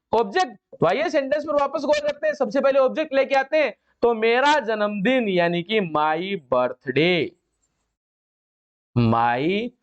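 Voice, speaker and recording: High-voiced man teaching grammar. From India. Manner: explains step by step, repeating questions and answers. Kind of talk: classroom grammar lesson.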